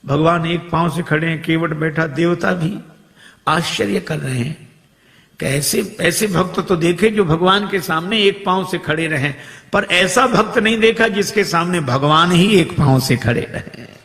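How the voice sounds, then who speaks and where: Gravelly, fairly high-voiced guy preaching a story sermon, acts out all the voices, big hall echo. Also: measured pace. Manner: animated, acts out dialogue with shifting voices. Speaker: religious storyteller. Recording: long hall reverb.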